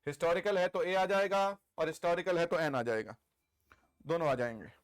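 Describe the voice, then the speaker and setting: An Indian man teaches English grammar to a live online class. He keeps asking students for answers and praises them as they reply. His voice is smooth and resonant and sits fairly high. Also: normal speed.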